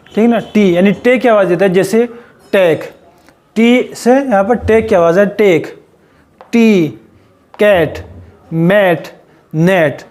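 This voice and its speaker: A man's voice: high voice, darkish tone. A man teaching an English lesson, spelling words out letter by letter and repeating each one patiently. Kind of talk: classroom lesson.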